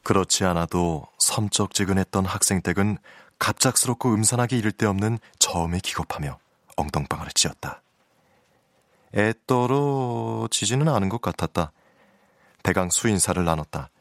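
A man's voice: deep voice, expressive, normal speed, no room sound, studio quality. A man delivering scripted literary narration as the narrator of a radio drama.

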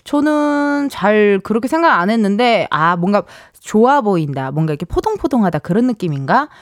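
A woman's voice: mid-range voice, very animated, a little fast, no room sound, studio quality. A woman hosting a radio show, chatting casually and playfully, laughing often as she reads listener messages. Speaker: radio show host and comedian.

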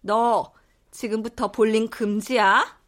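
An actress in her thirties playing a blunt, quick-tempered pregnant wife. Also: fairly high pitch, steady tone, fairly bright tone. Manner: blunt and exasperated.

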